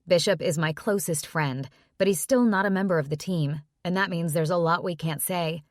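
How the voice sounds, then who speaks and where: Low-voiced woman reading an audiobook. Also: moderate pace, dry recording, clean studio sound. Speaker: audiobook narrator. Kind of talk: first-person audiobook narration.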